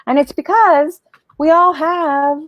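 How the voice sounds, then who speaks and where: A middle-aged woman chatting casually as an author guest, animated and emphatic in a conversational way. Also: high-pitched, slow pace, no room sound. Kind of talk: casual chat.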